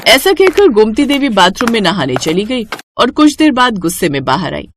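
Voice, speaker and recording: Expressive woman storyteller. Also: medium pitch, moderate pace, noisy background. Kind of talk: scripted narration.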